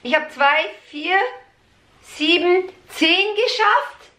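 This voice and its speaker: A middle-aged woman hosts a casual family vlog in a high, bright voice. She sits a little way from the camera in an echoey living room. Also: drawn-out words. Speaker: family channel host. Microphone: camera a short distance away. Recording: echoey room, faint noise.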